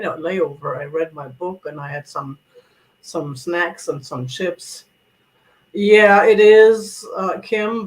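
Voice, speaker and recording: Man, higher-pitched voice, rambling travel chat, casual vlog. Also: rough recording. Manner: chatty, many restarts and asides. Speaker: vlogger.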